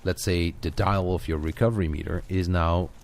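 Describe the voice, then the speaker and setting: A coach guides a walking audio lesson, addressing the listener directly in an informal, conversational narration. His low, gravelly, darkish voice has fairly even intonation and a moderate pace. Added outdoor walking ambience with birds plays in the background, along with outdoor noise and clicks.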